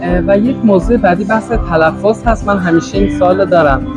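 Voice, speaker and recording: A man hosting an interview podcast with a high voice. He poses his questions with frequent hesitant fillers, and music plays in the background. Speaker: podcast host.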